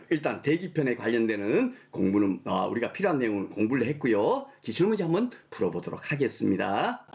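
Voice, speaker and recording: A man lecturing for an exam prep course, his voice a little high and swinging widely up and down. He keeps asking his students questions and checking that they follow. The recording sounds dull and lo-fi. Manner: animated, rhetorical questions, frequent "그쵸?" check-ins.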